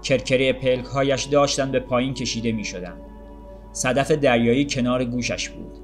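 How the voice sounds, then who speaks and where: A man narrating a short story for an audiobook in a calm, measured, literary way. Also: medium pitch, faint music behind. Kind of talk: storybook reading.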